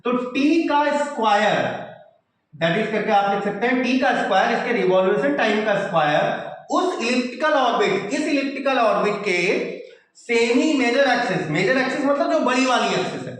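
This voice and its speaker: High-voiced man teaching in an echoey room. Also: expressive, moderate pace, a bit bright. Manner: explanatory, repeats phrases, checks understanding; mixes English terms into Hindi. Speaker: physics teacher. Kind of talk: whiteboard lecture.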